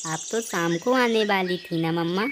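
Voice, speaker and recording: A woman's voice: fairly low pitch, moderate pace, noisy background, lightly acted. A woman voicing an innocent, playful young girl sparrow in a cartoon. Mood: eager.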